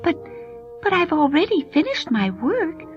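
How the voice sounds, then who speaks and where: A woman's voice: very high voice, very animated, a little slow, lo-fi sound, soft background music, voice pushed up, full character voice. A woman voicing a sweet, meek young servant girl who talks timidly and stammers.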